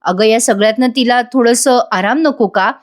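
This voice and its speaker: A woman's voice: fairly high pitch, normal speed, natural voice. Give me a coaxing, pleading aunt, put on by a woman recapping a soap. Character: caring middle-aged aunt, gently persuasive.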